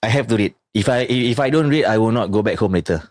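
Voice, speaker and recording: A man's voice: fairly low pitch, lively intonation, fast talker, darkish tone, dry recording. A man with a Singaporean accent hosting a casual live chat and reading out viewer comments. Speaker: talk show host.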